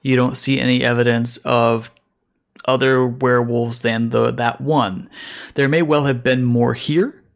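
A man's voice: medium pitch, flat delivery, a little slow, vocal fry. A man running a tabletop role-playing game as game master, talking casually with many hesitations.

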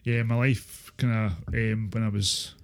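A Scottish man in his thirties recalling his life in a casual interview, speaking haltingly with repeated filler phrases. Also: fairly low pitch, level tone, creaky. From Inverness, Scotland. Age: 30s. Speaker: interview guest, former supported-housing tenant. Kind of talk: casual interview, personal recollection.

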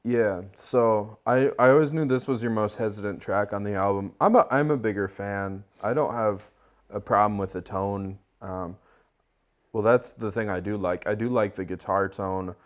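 Low-voiced chatty male podcast host. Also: normal speed. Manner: enthusiastic, chatty, laughs often. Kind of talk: casual music review chat.

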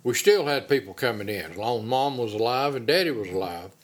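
A man's voice: mid-range voice, animated, a little fast. Older Appalachian man, folksy talker. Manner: folksy rural phrasing. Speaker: interviewee recalling childhood. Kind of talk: casual oral-history reminiscence.

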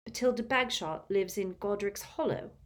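A troubled teenage boy, as a woman puts him on, asking quiet questions in a soft voice. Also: mid-range voice, normal speed, voice pushed up, lightly acted. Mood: stunned.

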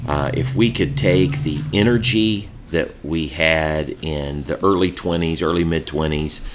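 A man co-hosting a ministry podcast in casual chat, conversational and quick to murmur agreement. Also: extremely low pitch, soft background music. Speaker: podcast co-host.

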